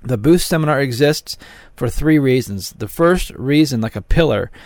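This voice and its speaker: A man's voice: medium pitch, animated, normal speed, darkish tone, no echo. Motivational male seminar host, dry close sound. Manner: motivational sales patter, direct address to listeners. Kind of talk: promotional teleseminar talk.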